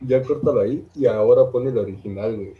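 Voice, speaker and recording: A man's voice: mid-range voice, fairly quick, narrow, tinny audio. A man co-hosting, giving slangy, laughing reactions in casual chat. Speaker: co-host.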